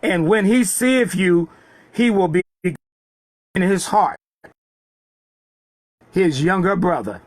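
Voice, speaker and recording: A man reading scripture slowly and haltingly, then retelling it in casual, conversational preaching. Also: sits high, expressive, no echo. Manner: reads slowly with halting repeats, then paraphrases God in casual speech. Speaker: Bible teacher. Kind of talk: scripture reading with sermon commentary.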